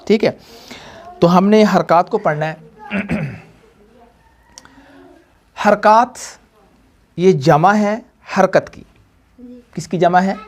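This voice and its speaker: A man teaching a Quran reading class, patiently repeating points and quizzing students in call-and-response. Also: high voice. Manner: repetitive call-and-response questioning; patient, slow drilling. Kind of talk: classroom lesson to students and viewers.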